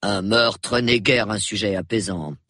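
A man's voice: medium pitch, lively intonation, moderate pace, sharp tone, slightly rough, no echo. A man voicing a stern colonel who speaks dryly and curtly in a storybook reading. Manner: dry and clipped. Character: curt, stern male colonel.

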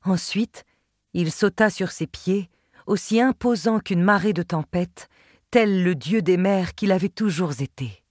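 A woman reading a literary novel aloud in a measured, expressive first-person telling, close to the mic. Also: on the low side, no echo. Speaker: audiobook narrator. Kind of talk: literary audiobook narration.

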